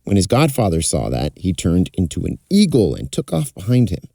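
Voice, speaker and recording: A man's voice: low voice, huge pitch swings, moderate pace, gravelly, warm tone, dry recording, studio quality. A man telling a folktale in a fireside storytelling style, as narrator. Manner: acts out characters' dialogue.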